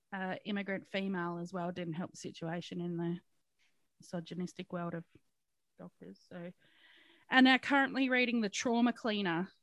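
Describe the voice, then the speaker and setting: A woman co-hosting a podcast, chatting casually and laughing often. Her voice sits in a middle pitch. The recording is dry and close. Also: fairly bright tone, no echo. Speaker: podcast co-host. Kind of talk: casual chat.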